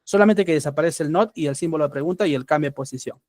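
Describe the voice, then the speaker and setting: Patient Peruvian teacher, dry close sound. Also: male voice, on the high side, rapid-fire, darkish tone, dry recording. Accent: Peruvian Spanish. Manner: patient, keeps checking understanding with rising "¿sí?". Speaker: English teacher. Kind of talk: online class explaining grammar.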